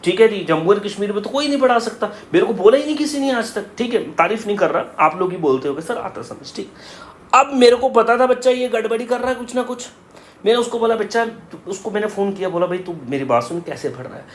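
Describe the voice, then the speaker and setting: Blunt high-voiced male coaching teacher. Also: lively intonation, quick pace, a little hiss or hum. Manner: blunt, direct, repeats key points. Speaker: coaching teacher for competitive exams. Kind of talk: motivational exam-advice talk to students. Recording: roomy echo.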